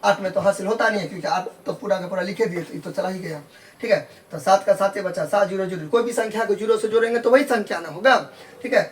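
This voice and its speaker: Heard from a distance over slight background noise, a high-voiced man teaches maths by adding decimals step by step. Patient and repetitive, he checks on his students again and again with "clear?"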